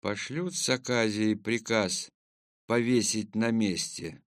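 A man reading a first-person audiobook in a measured, wry storytelling manner. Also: lowish voice, dry recording, studio quality. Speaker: narrator.

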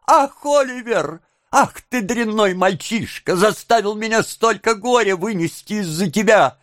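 A man voicing a hysterical young woman who wails and pleads loudly in shrill exclamations. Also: lively intonation, a little slow, no echo, studio quality.

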